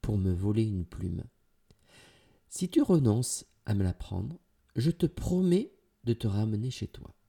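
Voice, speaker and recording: A man voicing a kind magical male bird in a storybook tale, calm and reassuring. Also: fairly low pitch, unhurried, vocal fry, breathy edge, full character voice.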